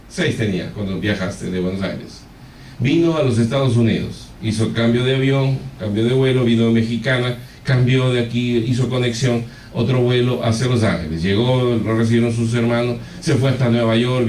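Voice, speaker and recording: A man's voice: medium pitch, darkish tone, slight background noise. A man pastor preaching a sermon, telling a story with animation and speaking straight to the congregation. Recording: echoey hall, far from the mic.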